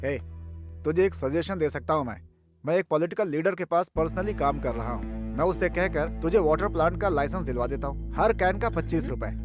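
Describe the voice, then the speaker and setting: Man dubbing a scheming young guy, brash, high voice, film music behind. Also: animated, brisk, close to an everyday voice. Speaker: dubbed film character.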